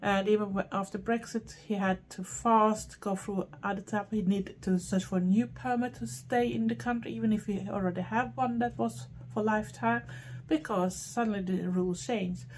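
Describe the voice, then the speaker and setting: A middle-aged woman from Sweden with a Swedish accent, talking in a chatty, rambling way with frequent pauses. She answers viewer questions for her own channel. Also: medium pitch, fairly even intonation, a little mellow. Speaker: vlogger. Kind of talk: casual Q&A chat to camera.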